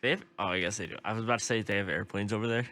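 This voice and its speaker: A young man co-hosting a casual chat, joking and teasing his co-host with animated energy. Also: lowish voice, rapid-fire.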